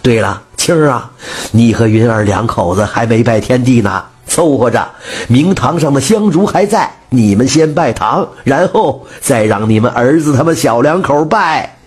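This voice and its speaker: A man voicing a blustering old village father in a told folk tale, in a husky voice. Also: medium pitch, animated, moderate pace. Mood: jubilant. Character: old village father, spiteful then jubilant.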